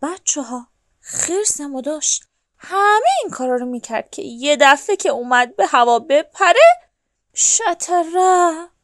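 A woman storyteller reading a children's story aloud, hushed and whispery, dramatic, speaking to the children listening. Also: high-pitched, animated, no room sound, clean studio sound.

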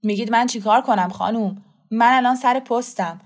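A busy policeman answers brusquely, louder and pushier than the narration around him, as a woman reader puts him on. It is a storybook audiobook read. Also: a little high, close to an everyday voice.

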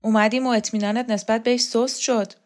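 A woman's voice: on the high side, fairly even intonation, pitched above the performer's own voice, natural voice. A woman reader voicing a commanding woman official who questions people in a cool, mocking way. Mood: probing.

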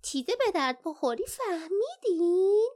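A woman voicing a timid young female flying creature, small and fearful, who talks in a trembling, quick rush. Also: extremely high pitch, steady tone, pitched above the performer's own voice. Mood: eager. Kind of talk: audiobook character voice.

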